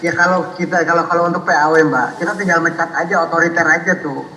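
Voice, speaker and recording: A man on a recorded phone call, played back over loudspeakers, insistent and repeating himself, humming along as he listens. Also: on the high side, steady tone, very fast, slight background noise. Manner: insistent, repeats words, many hums of assent. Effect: recorded phone call played over courtroom loudspeakers. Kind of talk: casual phone conversation. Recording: echoey hall audio played from far off.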